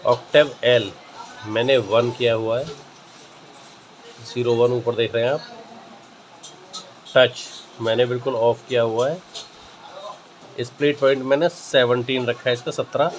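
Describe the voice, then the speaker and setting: A man's voice: medium pitch, steady tone, measured pace, pauses often. Man teaching keyboard settings with hesitant fillers. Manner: hesitant, with frequent filler sounds. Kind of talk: casual tutorial explanation. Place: indoor room with a keyboard. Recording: noisy home camera recording.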